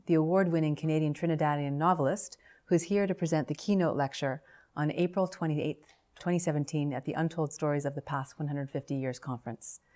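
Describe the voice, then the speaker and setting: A woman professor hosting an interview, giving a formal introduction and then asking measured questions. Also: low voice, a little mellow. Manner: measured, formal, reads names and titles.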